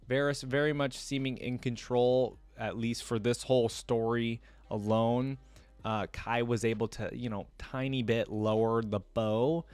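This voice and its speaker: A man hosts a reaction video, commenting casually and musingly, sometimes reading a story aloud. His voice is on the low side with no echo, and he fills his speech with "like" and "you know."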